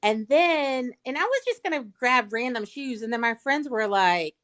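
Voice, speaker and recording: Animated Southern woman telling a story. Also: on the high side, moderate pace. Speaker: paralegal and sweepstakes guest. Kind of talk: casual storytelling chat. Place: livestream video call.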